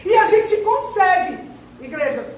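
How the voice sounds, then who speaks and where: Middle-aged lady pastor preaching, high voice, big echoey hall, sounds far off. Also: unhurried, slight background noise. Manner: lively, joking, acts out little voices. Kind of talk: conversational sermon. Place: large church hall at the altar.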